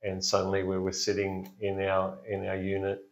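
Recorded in an echoey, dull, lo-fi room, this deep-voiced man talks in a monotone at a moderate pace. He's a middle-aged pastor from Blue Mountains, New South Wales, Australia, and he's casual and hesitant in the interview, full of fillers and restarts and quick to laugh.

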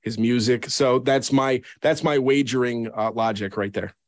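A man's voice: medium pitch, steady tone, moderate pace, no echo. Wry male co-host, dry sound. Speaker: podcast co-host. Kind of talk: casual podcast chat and ad read.

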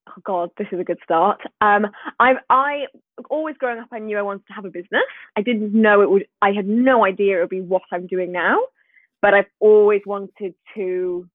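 A small business owner from Swansea, Wales, chats casually as a podcast guest in a light Welsh accent, self-deprecating and giggly. Her voice is medium in pitch, and the audio is thin, band-limited, and phone-like with no room sound.

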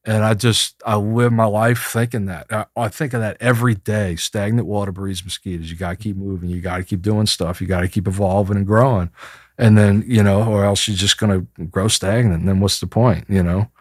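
A man with a low voice answers in a casual interview. He speaks in a reflective, colloquial, slightly rambling way, recorded dry. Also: fairly even intonation, brisk, no echo. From New Orleans, USA. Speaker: interview guest, musician.

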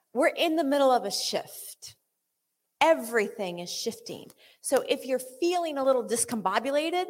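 A woman preaching a charismatic sermon to a gathered room, with a somewhat high voice. She is animated and playful, acts out what God and the worshipers say, then sinks into a low, intense delivery. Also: in a large hall. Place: church meeting room.

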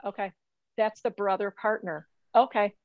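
A woman's voice: mid-range voice, fairly even intonation, moderate pace, no echo, phone-quality sound. A woman giving a psychic reading over a remote call, earnest and insistent, often stopping and repeating her phrases. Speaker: psychic medium.

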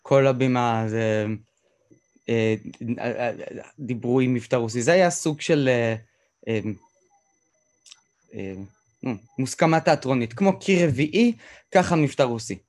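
A man's voice: medium pitch, pauses often, a little mellow. A man conducting a conversational interview, hesitantly searching for his words as he frames questions and remarks.

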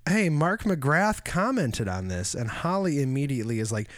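A man's voice: on the high side, normal speed, no echo, studio quality. Rambling, swearing man telling a story. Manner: rambling, animated storytelling with swearing and mimicked voices. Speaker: podcast co-host. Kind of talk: casual chat.

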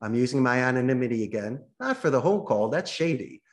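Male guest, mid-range voice, animated teacher who role-plays phone calls while he explains. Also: mid-range voice, fast talker. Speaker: guest, call center owner. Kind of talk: podcast interview.

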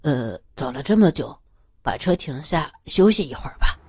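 A woman reading a story aloud and voicing a smooth-talking young man who speaks gently and persuasively. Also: deep voice, expressive, moderate pace, voice pushed down, full character voice. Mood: coaxing.

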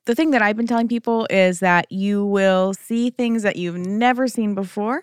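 A young woman co-hosting a podcast, chatting casually with enthusiastic, expressive reactions. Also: medium pitch, moderate pace, smooth, dry recording, studio quality. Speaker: podcast co-host. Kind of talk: casual chat.

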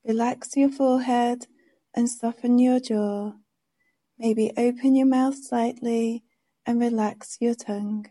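Female meditation guide: soft, very warm and dark timbre, drawn-out calm delivery. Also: fairly high pitch. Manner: gentle, soothing, unhurried instructions.

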